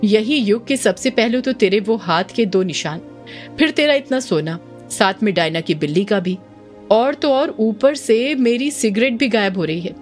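A woman's voice: fairly high pitch, expressive, moderate pace, faint music behind, close to an everyday voice. A woman doing Abhimanyu, a teasing young man. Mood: uneasy. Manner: teasing, probing questions.

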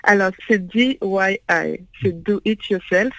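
Speaking slowly in a medium-pitched, fairly bright tone, this woman is a guest on a phone interview, recorded dry over the call. A native English speaker who founded a parents' venue, she hesitates and uses many fillers.

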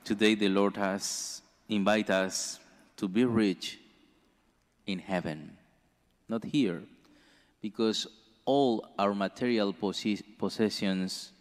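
Speaking into a lectern stand mic, a priest with a deep male voice delivers a gospel reading and homily. The church sanctuary is reverberant, and his pace is slow and measured with deliberate pauses.

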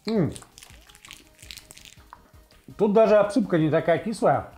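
Man casually reviewing food, halting delivery. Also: high-pitched, animated, mellow, soft background music. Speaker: host of a food tasting video. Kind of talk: casual tasting commentary. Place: indoor home kitchen. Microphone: lavalier clipped to T-shirt.

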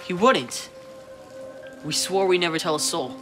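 A man's voice: high-pitched, measured pace, faint music behind. A teenage male actor playing a pushy, defensive schoolboy with a persuasive manner in a TV comedy. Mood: doubtful. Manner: persuasive, animated. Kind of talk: TV teen comedy acting. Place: indoor film set.

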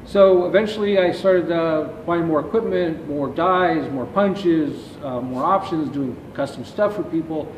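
A man's voice: on the high side, a little slow, hardly any pauses. A middle-aged man, a company founder, answers interview questions at length in a large warehouse, filmed by a distant camera. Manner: explains at length, gesturing with his hands. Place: large warehouse with shelving, indoors. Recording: echoey warehouse, distant dull audio with background noise.

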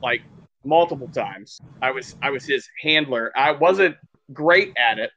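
In dull-sounding audio, a man with a medium-pitched voice and measured delivery chats casually as a podcast co-host. He tells meandering stories of encounters with people, springing to life as he acts out their lines.

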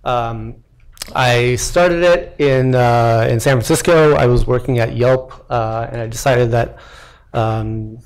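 In a tech meetup's lecture hall, a young startup founder speaks slowly into a podium mic during a relaxed live product demo, stumbling through fillers and restarts. His voice is medium-pitched with a clean tone.

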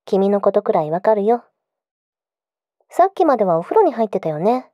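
A woman's voice: medium pitch, very animated, normal speed, no echo, lo-fi sound, lightly acted. A woman playing a clingy, possessive yandere girlfriend in an intimate pillow-talk role-play, coaxing and insistent. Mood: sweet, clingy.

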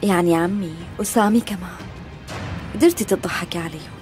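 A woman's voice: on the low side, a little fast, darkish tone, natural voice. A woman with a Syrian accent acting a bold, confrontational young woman in a dubbed television drama. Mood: threatening, accusing. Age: young adult. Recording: dramatic background music under dialogue.

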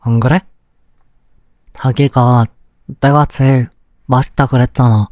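A young man plays a pouty boyfriend who sulks and teases in a whispered role-play. He talks slowly and softly, close to a dry microphone. His voice sits at an ordinary male pitch. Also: fairly even intonation, no echo, close to an everyday voice. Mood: pouty, affectionate. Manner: slow, soft, close-up ASMR delivery with pouty complaints. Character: sulky, clingy young boyfriend, teasing and pouty.

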